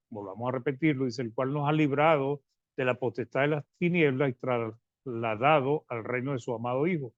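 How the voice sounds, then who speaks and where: In this Bible-study sermon, a man with a mid-range voice reads passages and explains them, referring to his listeners as brothers. He falters and restarts, letting phrase endings fade quietly, and the recording is dry and slightly dull, without echo.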